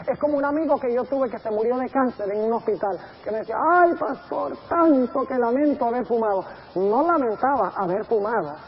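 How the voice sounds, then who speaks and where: A male pastor preaching a sermon in an animated way, acting out the quotes he gives. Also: extremely high pitch, muffled recording, a little hiss or hum.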